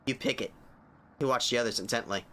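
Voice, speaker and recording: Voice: mid-range voice, fast talker, sharp tone, voice pushed down, lightly acted. A streamer voicing the somber narrator of a horror game, reading scripted text aloud. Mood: somber, steady.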